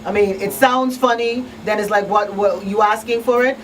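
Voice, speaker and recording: Medium in pitch, steady in tone and moderate in pace, a female radio host who is also a crisis counselor talks conversationally and with emphasis, often repeating phrases to make her points. The noisy studio is heard through a slightly distant mic.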